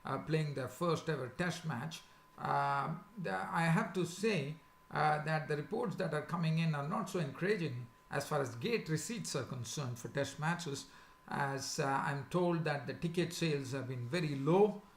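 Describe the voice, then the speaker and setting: Male sports preview host, sore swollen throat with some creak, halting delivery, echoey room. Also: a little high, slight background noise. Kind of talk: casual unscripted sports preview commentary. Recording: echoey, roomy sound.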